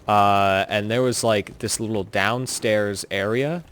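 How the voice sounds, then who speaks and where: A man's voice: fairly low pitch, steady tone, slow, a bit bright, clean tone. A young man chatting casually while gaming, rambling through a story with lots of filler words. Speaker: co-host telling scary stories.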